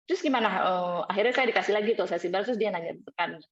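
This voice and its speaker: Seorang perempuan tamu wawancara bercerita santai, sering menirukan percakapan dengan nada lebih tinggi. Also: female voice, very fast, husky, dry recording. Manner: chatty, acts out quoted dialogue with rising pitch. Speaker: interview guest. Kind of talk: casual storytelling. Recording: dull dry lo-fi sound.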